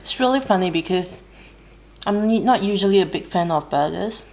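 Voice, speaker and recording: An Australian woman chatting casually while she eats, relaxed and unhurried, pausing between bites with soft hums. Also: medium pitch. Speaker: mukbang vlogger. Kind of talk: casual chat while eating.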